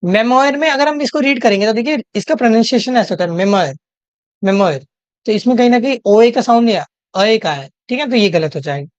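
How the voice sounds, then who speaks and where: A woman's voice: fairly high pitch, animated, no echo. A young woman with an Indian English accent, explaining an English exam lesson step by step and often checking in with her listeners. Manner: explains step by step, repeats "theek hai?" to check in; reads English questions slowly. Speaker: tutor. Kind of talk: exam-prep lecture in Hinglish. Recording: dry, slightly dull home recording.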